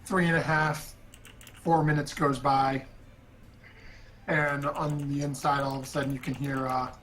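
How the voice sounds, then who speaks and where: A man running a tabletop game as game master, narrating in a halting way with many fillers and restarts. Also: mid-range voice, flat delivery, fairly bright tone, a little hiss or hum, rough recording.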